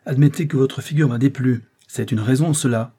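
A man's voice: on the low side, normal speed, warm tone, husky. A man reading the lines of a proud, touchy young painter in an audiobook, tense and defensive. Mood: angry.

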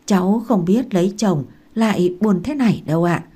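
A woman reading aloud and voicing a meek young pregnant daughter-in-law who asks softly and pleads. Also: medium pitch, normal speed, breathy edge, lightly acted. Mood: pleading. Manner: soft, pleading, curious.

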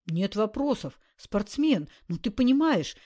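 A woman voicing a loud, boastful male gangster who talks in rough slang. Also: medium pitch, expressive, moderate pace, close to an everyday voice. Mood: boisterous.

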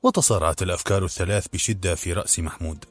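A man reading a novel aloud in measured, expressive narration. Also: low voice, soft background music. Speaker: audiobook narrator. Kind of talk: scripted narration.

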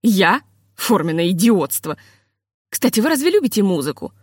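Weary, gentle composer man who pleads and reproaches himself, in a dry close storybook reading, voiced by a woman. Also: medium pitch, sing-song, normal speed, breathy edge, dry recording. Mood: gloomy. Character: anxious gentle middle-aged male composer.

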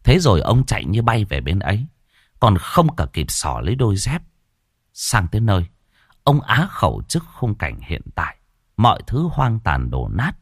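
Brief: expressive male horror narrator, low and animated, faint music behind. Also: normal speed, breathy edge, dry recording, studio quality. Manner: expressive storytelling. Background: faint background music.

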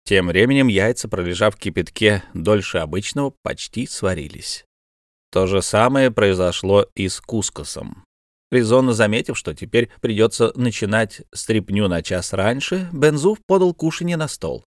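A man's voice: on the low side, expressive, normal speed, no echo, clean studio sound. A man narrating a novel as an audiobook reader, steadily telling the story and lifting his voice for the characters' lines. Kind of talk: scripted narration.

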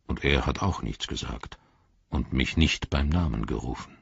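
A man voicing a wise, wry old male wizard in an audiobook, speaking in a measured, solemn way. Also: a bass voice, creaky, husky, dry recording, dull audio, pitched below the performer's own voice, exaggerated voice. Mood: grave. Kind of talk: audiobook reading.

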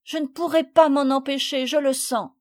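A small, soft-hearted storybook boy near tears, as a woman puts him on. His voice is high and bright, and he speaks in a pleading, heartfelt way. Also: fairly even intonation, moderate pace, natural voice. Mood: sad.

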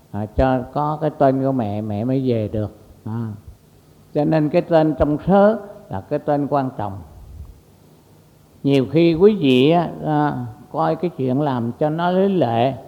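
A male monk gives a rambling, story-filled dharma talk, pausing on fillers and slipping into the voices of the people he describes. His voice sits at an ordinary pitch, and the recording is dull and lo-fi, carried on a long hall reverb. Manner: conversational, many fillers, acts out quoted voices. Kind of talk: sermon with storytelling.

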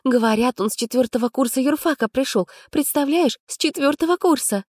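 Gossipy college girl, high and gushing , read by a woman, loud and breathless. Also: fairly quick, no room sound, studio quality. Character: gossipy excitable young female student.

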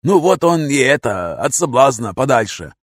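A man voicing a hoarse, gruff male vagrant who talks in coarse street slang. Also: medium pitch, sing-song, no echo, clean studio sound, voice pushed up. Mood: chatty. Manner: slangy, coarse, drawn-out talk.

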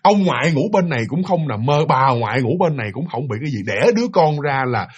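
Male storyteller, rapid, husky, rambling ghost-story telling. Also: mid-range voice, animated, dull audio. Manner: rambling, repetitive, chatty. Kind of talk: casual spoken ghost story.

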